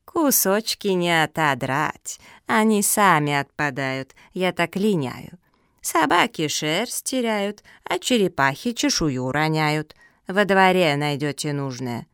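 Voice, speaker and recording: A woman voicing a cunning, smug old female tortoise in a children's audiobook, with a slow, drawling, condescending way of talking. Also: deep voice, expressive, fairly bright tone, clear, resonant tone, dry recording, clean studio sound, exaggerated voice.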